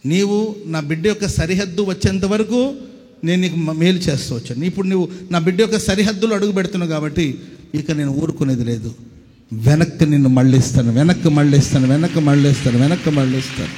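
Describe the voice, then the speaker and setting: A man's voice: fairly high pitch, quick pace, warm tone, big-room sound, natural voice. A pastor voicing God as a commanding divine father who declaims stern warnings and repeats them.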